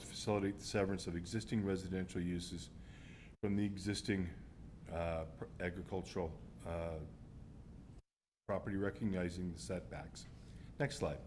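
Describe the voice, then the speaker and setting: A man giving a formal planning presentation to a council, halting often as he goes. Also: a little mellow. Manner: halting, with frequent pauses and hesitations. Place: council meeting room. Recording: rumbly background room noise.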